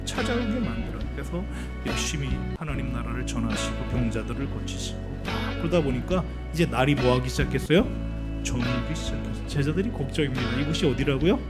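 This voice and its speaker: A man preaching a sermon as pastor, asking his congregation lively questions and acting out the people in the story. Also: medium pitch, fast talker, over loud music. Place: church sanctuary.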